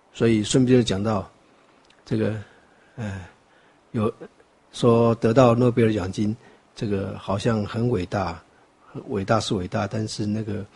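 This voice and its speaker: In a fairly low, darkish, husky voice, an older Taiwanese man with a Taiwanese Mandarin accent delivers a meandering Buddhist dharma lecture, peppered with filler words and wry asides.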